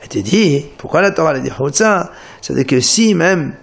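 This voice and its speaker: A man teaching a Talmud page to his students. His voice sits a little higher than most men's. He explains with animated emphasis and keeps restarting his sentences. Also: fairly quick, creaky, husky. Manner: animated explanation, many restarts, Hebrew terms. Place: Marseille study center.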